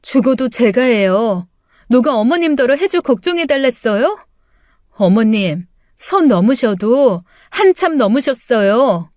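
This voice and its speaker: A woman acting out an indignant daughter-in-law in a raised, high, cutting voice. The audiobook sound is dry and close. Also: big pitch swings, unhurried, darkish tone, no room sound. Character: furious protective daughter-in-law.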